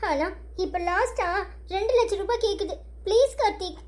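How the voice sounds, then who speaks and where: A woman's voice: very high-pitched, lively intonation, moderate pace, over a noisy crowd. A woman voicing a young wife who pleads and apologizes to her husband in a cartoon story. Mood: pleading.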